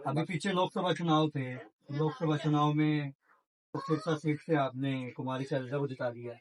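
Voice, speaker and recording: A man working as a field reporter, questioning villagers in a loud, pushy way. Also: a little high, steady tone, normal speed, low-quality recording. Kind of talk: street interview.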